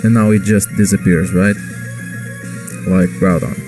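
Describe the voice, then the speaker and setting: A man's voice: sits low, level tone, unhurried, over music, low-quality recording. A man giving casual, exclaiming commentary while playing a video game, reacting to each battle turn. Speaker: gaming video host.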